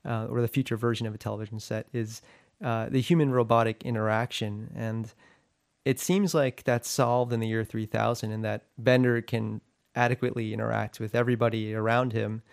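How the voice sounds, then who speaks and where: Guy interviewing someone, gravelly voice, pretty flat delivery, halting questions. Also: on the low side. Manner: measured, halting questions with fillers.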